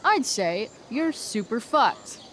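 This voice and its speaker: A sardonic, reluctant teenage girl from a video game, with a youthful, fairly high voice. She is blunt and very slow, halting whenever she recites, over faint outdoor insect ambience. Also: very animated, a bit bright, slight background noise, heavily acted. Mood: flatly refusing. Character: sarcastic, reluctant rebellious teenage girl thrown onto a stage. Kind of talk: naturalistic video game acting.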